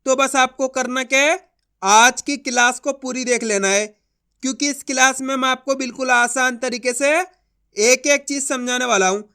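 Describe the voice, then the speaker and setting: A man's voice: very high-pitched, fairly even intonation, normal speed, pushed and bright, clear, resonant tone. A young man teaching a Hindi reading lesson, repeating himself reassuringly and stretching each syllable as he sounds out words.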